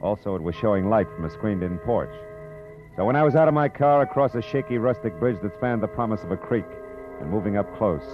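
A man with a lowish, lively voice talks fast as a laconic, wisecracking private eye narrating a 1940s radio drama. The recording is dull and old, with music behind him.

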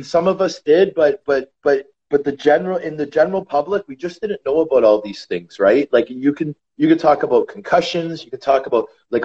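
A man guest on a podcast, casually telling stories about his ice hockey career and calling the host brother. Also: on the high side. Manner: animated, calls the host brother. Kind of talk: casual interview storytelling. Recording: slightly dull lo-fi sound.

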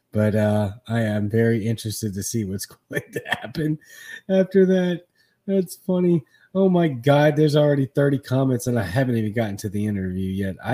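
A man from Louisiana hosts a live interview stream, his medium-pitched voice mellow. He's informal and candid, wandering off into rambling asides.

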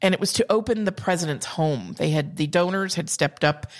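Southern woman, low-ish voice, lively comic storyteller for casual podcast banter. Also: fairly quick. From South Carolina and Georgia. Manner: animated, humorous storyteller. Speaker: podcast co-host.

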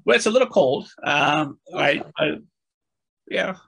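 A man's voice: a little high, expressive, measured pace, vocal fry, fairly bright tone, husky. A man hosting a podcast interview, jokey and upbeat, with casual fillers. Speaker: podcast host.

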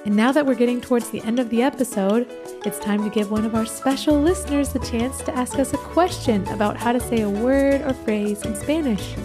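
A woman's voice: a little high, music in the background. A woman from Ecuador co-hosting a children's Spanish lesson, upbeat and encouraging. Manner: warm, upbeat, encouraging, slow teacher-like delivery. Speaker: co-host and Spanish teacher.

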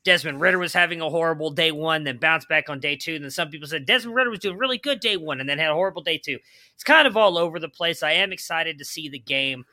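A man with a very bright, sharp voice that sits a little high. He co-hosts a football podcast, rambling along casually and poking fun at himself. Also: quick pace, no room sound. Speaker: podcast co-host. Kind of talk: casual sports chat.

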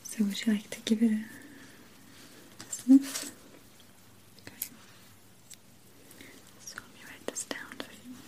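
A woman whispering softly and slowly as a perfume shop assistant in an ASMR roleplay, close to the microphone. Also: on the high side, fairly even intonation. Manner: soft unvoiced whisper, slow and soothing.

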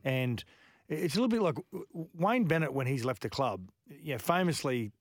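An Australian man hosting a sports radio show, telling stories in casual chat and breaking into excited live calls. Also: fairly high pitch, moderate pace, no echo, clean studio sound. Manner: storytelling, bursts into excited live call. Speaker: radio host.

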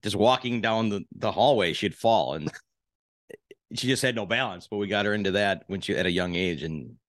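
A man's voice: lowish voice, moderate pace, a bit bright, no echo. A man co-hosting an interview, laid-back, chatting casually with brief affirmations.

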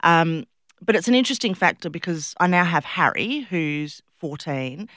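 A middle-aged woman with an Australian accent, chatting and telling stories as an interview guest in an animated, self-deprecating way. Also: lowish voice, moderate pace, dry recording, studio quality. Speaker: interview guest, public speaker and former competitive swimmer. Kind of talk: casual conversational interview, storytelling.

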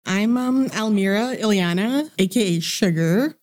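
A woman's voice: mid-range voice, animated, a little slow, a little mellow. A woman in her forties from the Philippines, a guest chatting casually in an interview with frequent laughter.

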